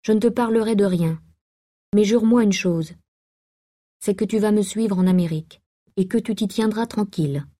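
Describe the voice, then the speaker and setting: Brief: woman reader voicing a brooding jealous young man, low, dark and mellow tone, storybook reading. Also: normal speed, long pauses, lightly acted. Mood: threatening.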